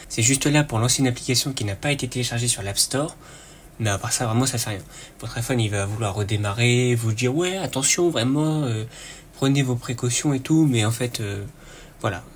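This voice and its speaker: A man's voice: medium pitch, a little hiss or hum. Chatty man walking through a tutorial. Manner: relaxed, chatty, frequent "euh" and "hop". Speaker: tech tutorial host. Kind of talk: casual screen-recorded tutorial.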